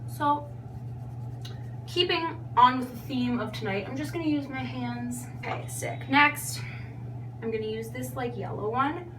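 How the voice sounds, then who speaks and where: Tipsy, high-voiced young woman chatting casually. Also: measured pace. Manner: tipsy, loose and giggly drunk delivery; self-deprecating. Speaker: makeup tutorial vlogger. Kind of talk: casual chatty tutorial to camera. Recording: distant mic with background noise and hum.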